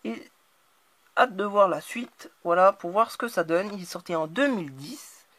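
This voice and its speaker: A woman hosting her own channel, talking casually through a haul of new purchases, often hesitating and filling pauses. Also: mid-range voice, lively intonation, a bit bright. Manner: hesitant, constant filler words. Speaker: channel host. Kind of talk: casual DVD haul talk to camera.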